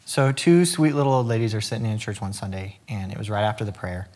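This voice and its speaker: Low-voiced man telling folksy jokes. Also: lively intonation, quick pace, a little mellow. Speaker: contestant in a joke-telling challenge. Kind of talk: telling clean jokes in casual back-and-forth. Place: indoor studio set.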